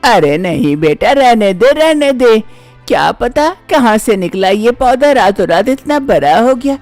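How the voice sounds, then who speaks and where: A woman voicing an older village mother-in-law in an animated storybook cartoon, who fusses and calls out orders to her family. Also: fairly high pitch, unhurried, dry recording, soft background music. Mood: bossy.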